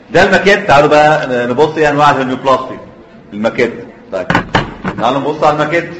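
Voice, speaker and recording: A medium-pitched, fairly bright male voice with an Egyptian Arabic accent delivers a surgery lecture, firing questions at students and leaving sentences for them to complete. The echoey hall recording is dull and lo-fi, with slight background noise.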